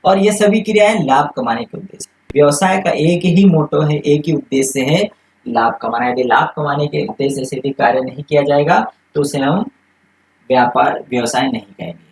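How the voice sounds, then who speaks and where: A man's voice: a little high, normal speed, echoey room, low-quality recording. A man teaching a commerce lesson in Hindi, explaining step by step and posing questions that he answers himself. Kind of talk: classroom lecture.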